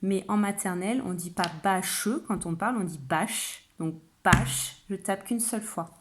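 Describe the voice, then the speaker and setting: A woman, a kindergarten teacher, calmly explaining a phonics game to parents and stretching out example words. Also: medium pitch, normal speed, background noise. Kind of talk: home-schooling phonics lesson for parents.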